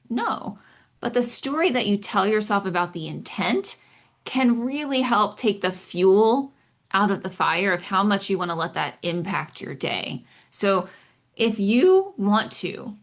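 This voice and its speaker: Woman, podcast co-host, mid-pitched, measured and explanatory, talk-show delivery. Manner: calm, measured, explaining with everyday examples.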